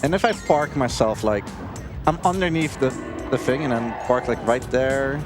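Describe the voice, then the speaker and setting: In a medium-pitched voice with lively intonation, a man offers chatty, self-deprecating commentary at a moderate pace during a video game speedrun. The live marathon stream carries the game audio and its music.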